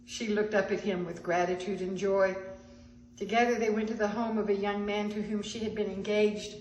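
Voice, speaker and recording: A woman's voice: medium pitch, normal speed, a little hiss or hum. Woman telling a story in an echoey sanctuary. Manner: gentle, expressive, with small restarts. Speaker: storyteller at a spiritual center service. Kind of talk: Christmas story narration. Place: church sanctuary. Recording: echoey sanctuary with faint ambience.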